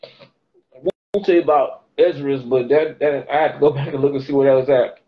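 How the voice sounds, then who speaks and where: A man's voice: mid-range voice, fairly even intonation, a little fast. A middle-aged man teaching the Bible informally to a phone camera in a small room, quoting scripture in a preaching cadence and lifting his voice on key words. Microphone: phone camera held close. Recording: dull lo-fi phone audio.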